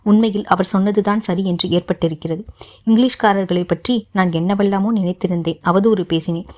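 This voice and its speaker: A woman's voice: medium pitch, fairly even intonation, a little fast, a little mellow, close to an everyday voice. A woman reading as an earnest young nobleman. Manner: earnest, pleading, solemn vows. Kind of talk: audiobook narration.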